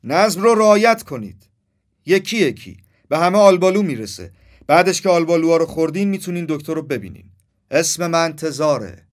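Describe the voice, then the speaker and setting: Bossy crow guard shouting orders, high and loud, read by a male storyteller. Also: expressive, natural voice. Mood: commanding.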